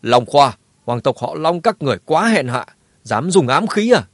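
A man voicing an indignant noble fighter who accuses loudly in a raised voice. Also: on the high side, very animated, normal speed, no echo, clean studio sound. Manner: loud, accusing.

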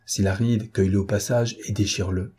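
A man reads a haughty rich prince in an audiobook, a cold schemer who mocks those below him. The voice is low, dark and husky, and its scorn is clipped and cold. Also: steady tone, a little fast. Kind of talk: audiobook character voice.

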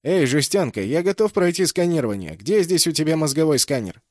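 A man's voice: fairly high pitch, expressive, a little fast, dry recording, clean studio sound, pitched above the performer's own voice, natural voice. A man voicing a wry, bold, teasing male spaceship captain in an audiobook. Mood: brash. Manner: brash, teasing. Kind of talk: audiobook character voice.

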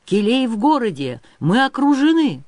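A man voicing a panicked soldier, a sergeant bursting in with urgent shouts. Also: extremely high pitch, sing-song, normal speed, dry recording, studio quality, pitched above the performer's own voice. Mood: alarmed.

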